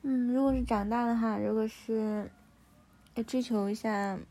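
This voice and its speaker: A woman's voice: fairly high pitch, steady tone, normal speed, warm tone. A woman, telling family stories in a casual chat and often asking the listener if they follow. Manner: chatty, often asks the listener "you know?".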